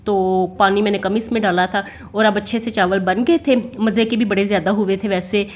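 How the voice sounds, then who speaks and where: With a mid-range voice, fairly even intonation and a slightly quick pace, a middle-aged woman with a Pakistani Urdu accent does the casual voice-over for her family vlog. She chats homely and warm, using lots of fillers.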